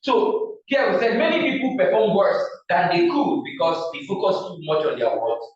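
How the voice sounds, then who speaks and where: A man with a Nigerian accent teaches a public speaking class as a lecture, often posing a question to the room and answering it himself. His voice is high-pitched with huge pitch swings at a moderate pace. The recording is echoey and slightly dull.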